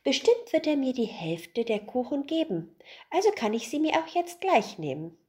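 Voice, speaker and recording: A woman's voice: high voice, big pitch swings, normal speed, darkish tone, voice pushed up. A woman voicing a greedy, hungry young boy who eagerly talks himself into things in a storybook tale. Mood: scheming. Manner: eager, self-justifying.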